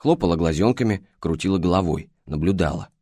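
A man with a low voice reads an audiobook in an even, measured way. The sound is dry and close, with no room echo at all. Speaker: audiobook narrator. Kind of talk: audiobook narration.

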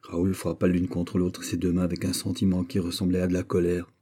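A man reading a classic novel aloud as an audiobook, in a measured, dramatic way. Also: sits low, monotone, warm tone, husky. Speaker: audiobook reader. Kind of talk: scripted narration of a classic novel.

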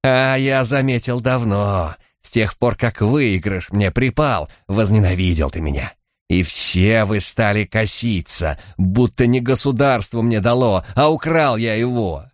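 Man doing a whiny cowardly detective, shrill high voice, self-pitying, dry close sound. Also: unhurried, no room sound, close to an everyday voice. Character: panicky, whining middle-aged male detective.

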